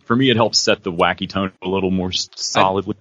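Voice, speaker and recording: Male podcast co-host, low voice, chatty, dull dry sound. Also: fairly even intonation, fast, fairly bright tone, dry recording. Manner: chatty, repeats words as he thinks. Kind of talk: casual podcast chat.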